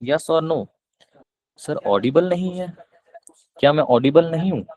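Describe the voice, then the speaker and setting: A man with a Punjabi accent teaching physics in a live online class, explaining slowly and repeating questions to his students. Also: a little high, animated, a little mellow, no room sound, low-quality recording. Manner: coaxing, repeats questions to students, calls them beta; slow, deliberate explanation.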